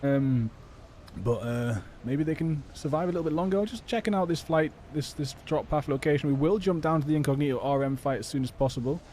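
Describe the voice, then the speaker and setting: Brisk and fairly high-pitched, his voice carries a dark tone over slight background noise. He's a British esports caster and stream host from England, casually rambling through live game commentary from his home or personal studio, chatty but somewhat hesitant.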